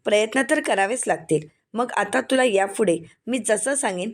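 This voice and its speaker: A domineering middle-aged aunt plotting over family property, read by a woman narrator. She speaks in a commanding, scolding way, at a medium pitch, like a storybook recap. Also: expressive, moderate pace, close to an everyday voice.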